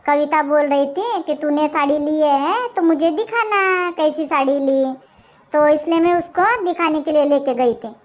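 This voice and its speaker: A woman's voice: high-pitched, measured pace. A woman voicing a chatty young village daughter-in-law in a comic cartoon, breezy and unbothered.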